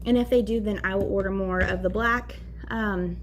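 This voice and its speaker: A woman's voice: mid-range voice, steady tone, moderate pace, a little hiss or hum. A young woman teacher in her twenties chatting casually while setting up her classroom, upbeat and full of fillers. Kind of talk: casual vlog narration.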